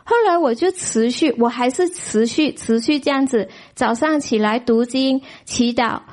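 High-voiced woman giving excited testimony. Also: measured pace. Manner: animated, exclaiming, many fillers. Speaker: church member giving testimony. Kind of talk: emotional personal testimony.

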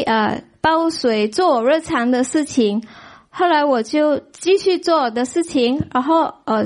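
Woman sharing a church testimony, high voice, animated, exclaims a lot. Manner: animated, exclaiming, many fillers. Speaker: church member giving testimony. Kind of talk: emotional personal testimony.

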